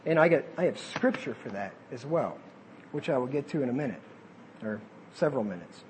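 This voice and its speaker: A man's voice: mid-range voice, lively intonation, brisk, a little hiss or hum. A man preaching a sermon, reading quotes aloud and breaking off to add casual asides.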